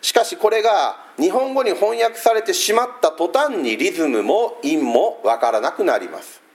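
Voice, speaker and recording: A man's voice: sits high, very animated, normal speed. A male pastor giving a church sermon, explaining patiently with frequent hesitant fillers.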